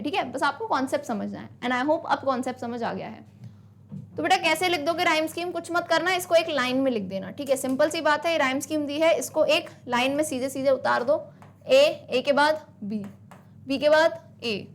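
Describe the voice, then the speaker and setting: A young woman with a high voice teaches an online exam-prep lesson. She talks briskly and encouragingly, mixing Hindi and English, and slows right down to read English lines aloud. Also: a little hiss or hum. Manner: brisk, encouraging, calls students "beta"; switches between Hindi and English, reads English lines slowly.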